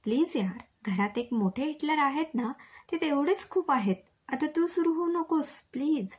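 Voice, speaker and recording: A woman voicing an easygoing, joking young man, a playful brother, in a storybook reading, with a breathy voice. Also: high voice, animated, normal speed, darkish tone, pitched above the performer's own voice.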